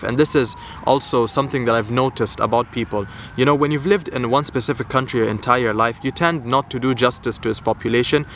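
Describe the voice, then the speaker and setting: Young male vlogger from Malaysia, mid-pitched, earnest and rambling, outdoors with faint traffic behind. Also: a bit bright. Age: young adult. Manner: earnest, rambling, repeats words and restarts with many "you know". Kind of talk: casual outdoor vlog talk.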